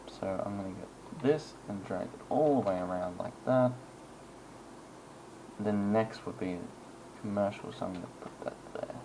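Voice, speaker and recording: Man, lowish voice, casual game commentary, rambling, laughs at himself. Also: background noise. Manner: rambling, chuckling, self-deprecating asides. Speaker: gaming channel host.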